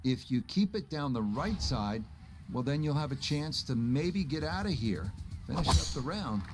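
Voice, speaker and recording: A man giving play-by-play golf commentary as lead announcer, in measured, folksy broadcast phrasing. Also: medium pitch, big pitch swings, soft background music, lightly acted.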